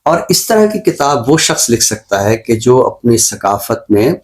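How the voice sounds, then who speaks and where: A show presenter, a man with a Pakistani accent, reviews a book off the cuff, explaining things in a measured, scholarly manner. His pitch sits in the middle and he sounds very animated.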